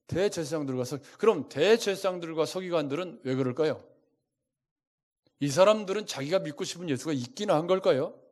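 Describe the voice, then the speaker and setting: Male pastor, slightly high voice, preaching a sermon that keeps asking the congregation questions, lively, shifts loudness for emphasis. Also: a little fast. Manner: asks the congregation many rhetorical questions.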